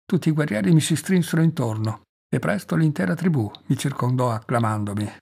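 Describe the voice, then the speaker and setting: A man from Italy with a husky voice, narrating a story in a measured way and slowing down on the dramatic lines. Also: fairly high pitch, lively intonation, a little mellow. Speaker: reader, narrator. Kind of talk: scripted audiobook narration.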